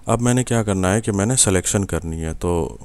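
A young software instructor from Pakistan, with an Urdu accent, narrates a screen-recorded tutorial from his desk. His voice is very deep, smooth and resonant, and he proceeds patiently one step at a time, stopping on fillers and checking in with whoever is watching.

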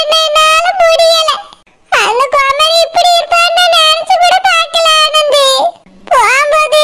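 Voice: very high voice, bright, forceful tone, a little hiss or hum. A voice actor playing a scheming, self-pitying old village mother-in-law who wails and complains in a Tirunelveli Tamil accent. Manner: wailing, complaining, plays the victim.

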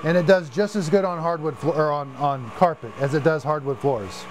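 A man in his fifties with a fairly high voice reviews cleaning gear on a live stream, chatty and enthusiastic at a moderate pace. He repeats words as he goes and is losing his voice, speaking from a home studio lined with shelves of vacuums, with background noise audible.

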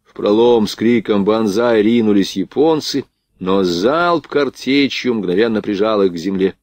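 A man reading a historical war novel aloud as an audiobook narrator, with a steady literary delivery. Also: fairly low pitch, normal speed, no echo. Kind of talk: scripted narration.

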